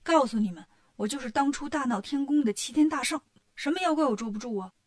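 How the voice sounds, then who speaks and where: A woman's voice: high-pitched, fast talker. A woman voicing a boastful, cheeky male monkey king who talks brashly and teases. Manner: brash, bragging and teasing.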